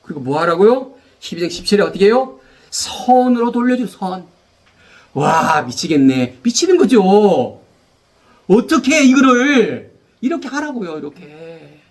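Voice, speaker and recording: A man preaching a sermon as pastor, animated, repeating phrases and leading the congregation in call-and-response. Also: extremely high pitch, moderate pace.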